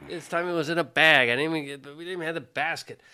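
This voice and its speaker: A man's voice: on the high side, fairly even intonation, rapid-fire, sharp tone, clear, resonant tone. A middle-aged man from St. Louis, a radio co-host telling stories in a ranting, exasperated way. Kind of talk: sports radio banter.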